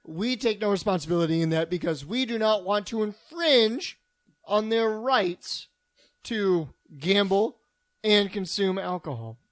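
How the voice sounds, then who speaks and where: A man's voice: high voice, lively intonation, measured pace, no room sound. A man playing a defensive casino liquor-board boss in improvised mock-courtroom comedy, rambling through food metaphors.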